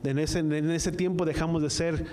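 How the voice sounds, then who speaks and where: Slightly high-voiced male preacher calling for response. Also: flat delivery, a little mellow. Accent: Spanish-speaking, from the US-Mexico border. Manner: call-and-response, asks the congregation to repeat after him; reads scripture slowly, line by line. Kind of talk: sermon. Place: church service, also streamed online.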